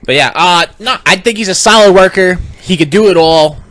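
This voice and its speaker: A young man co-hosting a podcast, telling stories in a casual, animated way. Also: high voice, brisk, dry recording. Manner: animated storyteller, laughs often. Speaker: podcast co-host. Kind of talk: casual chat.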